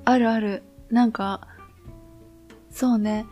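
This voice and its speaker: A woman with a Kansai accent chats easily on a podcast, her voice sitting a little high. She stretches her phrases out and laughs softly now and then. Faint guitar music plays underneath. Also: fairly even intonation, slow pace. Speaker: podcast co-host. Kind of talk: casual chat.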